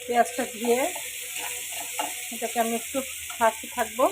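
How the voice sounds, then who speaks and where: A woman with a hoarse voice, casually talking viewers through her cooking step by step as host of a cooking channel. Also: fairly high pitch, flat delivery, moderate pace. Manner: talks viewers through each step, mixing in English words. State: hoarse, throat trouble. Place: home kitchen. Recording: sizzling pan noise behind.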